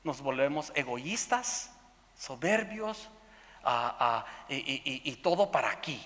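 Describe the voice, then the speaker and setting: A pastor preaching a sermon, swinging from loud emphatic bursts to hushed low passages, often repeating words as he searches for the next thought. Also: animated, slow pace. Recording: long reverb of a large hall.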